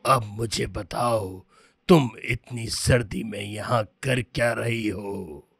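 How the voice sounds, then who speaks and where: A man's voice: fairly low pitch, takes it slowly, vocal fry, fairly bright tone, slightly rough, no room sound, clean studio sound, exaggerated voice. A man voicing a hungry, sly male wolf in a cartoon dub, talking in a coaxing, falsely soothing way. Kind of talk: cartoon dubbing.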